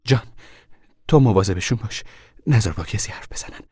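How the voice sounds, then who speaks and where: A man's voice: on the low side, lively intonation, darkish tone, breathy edge, no echo, clean studio sound, pitched above the performer's own voice. A man voicing the anxious mother of a poor family, giving urgent orders to her children.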